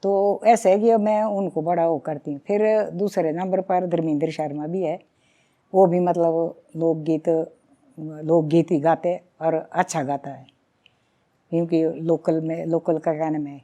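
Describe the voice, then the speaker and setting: Middle-aged Himachali-accented woman, a folk singer being interviewed; warm, soft timbre, earnest storyteller. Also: low voice, fairly even intonation, measured pace. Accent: Himachali Pahari. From Himachal Pradesh. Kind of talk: conversational interview.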